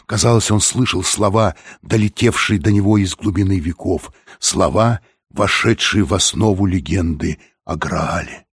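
A man narrates a novel with measured, steady pacing, his voice deep and husky. The sound is dry and close, with no room around it. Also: no echo. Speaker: audiobook narrator.

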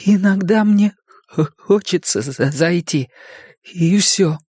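A man voicing a quiet, grieving boy with a heavy stutter, speaking slowly and haltingly in an audiobook. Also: high-pitched, husky, no echo, clean studio sound, voice pushed up, heavily acted. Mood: earnest. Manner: stammering, halting, slow. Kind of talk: audiobook character voice.

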